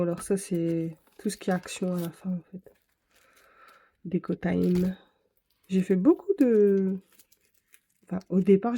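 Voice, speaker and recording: A woman's voice: on the low side, vocal fry, mellow, breathy edge. A woman vlogger chatting casually to camera, rambling and correcting herself as she shows her art supplies. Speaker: craft vlogger.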